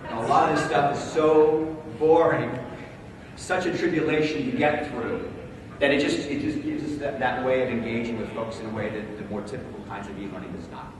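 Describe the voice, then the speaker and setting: A conference presenter with a big voice addresses a large hall, chatting casually through many fillers and inviting audience answers. He keeps a steady tone at medium pitch and a fairly quick pace. Sound comes from a distant mic, echoey and with room noise.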